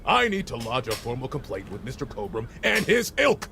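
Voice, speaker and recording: Gravelly, pompous, indignant male customer. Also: mid-range voice, wildly swooping pitch, fairly quick, music in the background. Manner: pompous, blustering.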